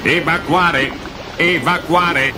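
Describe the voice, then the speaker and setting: A man voicing a male robot computer in a storybook reading, speaking in a flat, machine-like way and calling out warnings. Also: a little high, very slow, voice pushed up. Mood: alarmed. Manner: alarmed warnings. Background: music.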